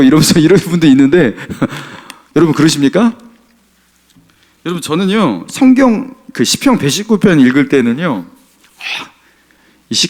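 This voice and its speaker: Animated, chatty male pastor preaching. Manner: conversational preaching, often asking the congregation "그죠?"; swings between emphatic raised lines and soft, low asides. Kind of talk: sermon.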